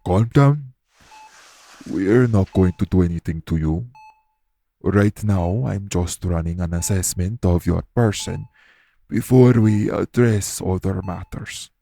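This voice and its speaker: In an audio roleplay, a male voice actor plays an official of a secret organization who addresses the listener in a low, gravelly, exaggerated voice. His tone is dark and mellow, and his formal, calm delivery is measured and matter-of-fact, with a firm yet reassuring mood.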